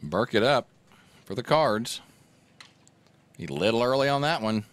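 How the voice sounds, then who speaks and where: A man doing relaxed, joking play-by-play commentary for a local high school baseball game, as a regular announcer. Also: measured pace. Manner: relaxed, joking, gets loud and excited on the home run.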